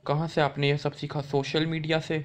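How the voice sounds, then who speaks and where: A man's voice: fairly high pitch, flat delivery, normal speed, close to an everyday voice. A man reading the lines of a nosy, bossy aunt in his own voice, with no acting. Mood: scolding.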